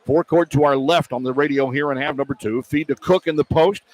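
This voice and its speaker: With a fairly high, steady voice and a slightly fast delivery, a man gives live radio play-by-play of basketball, rattling off the action in clipped phrases. The big indoor arena is loud, and the broadcast picks up all that noise.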